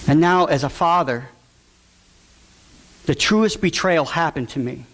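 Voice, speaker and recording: A man's voice: on the high side, unhurried. A man, a father, telling an audience his personal story in an earnest, emotional way, sometimes acting out the people he quotes. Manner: acts out voices in quotes, shouting at times.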